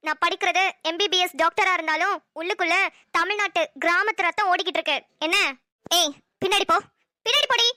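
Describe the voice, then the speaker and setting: A woman's voice: very high-pitched, brisk, sharp tone, no room sound, clean studio sound. A woman voicing a hot-tempered young wife in a cartoon, a medical student who scolds and threatens sharply. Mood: angry. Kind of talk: cartoon voice acting.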